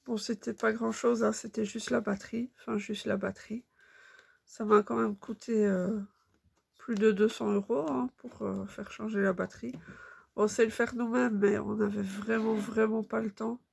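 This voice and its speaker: A woman in her thirties chatting casually while she stitches, unhurried and full of fillers. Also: medium pitch, little pitch movement, creaky, a little mellow, husky. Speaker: cross-stitch vlogger.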